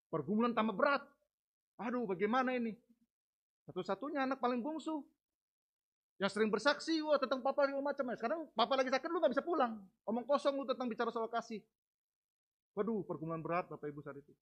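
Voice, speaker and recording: Male preacher, high-pitched, dramatic testimony from the pulpit, hushed lows and loud peaks. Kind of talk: sermon testimony. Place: church.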